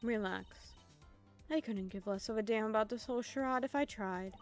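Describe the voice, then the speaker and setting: A woman's voice: fairly high pitch, moderate pace, faint music behind, lightly acted. A woman voicing a haughty, impatient young woman who talks down to others in a curt manner. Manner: curt, condescending.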